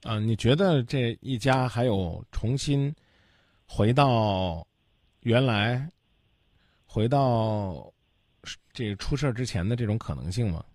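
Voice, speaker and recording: A man's voice: mid-range voice, lively intonation, slow pace, long pauses, a little mellow, no echo, studio quality. A man hosting a radio call-in show, asking direct questions and steering the caller. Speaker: radio advice host.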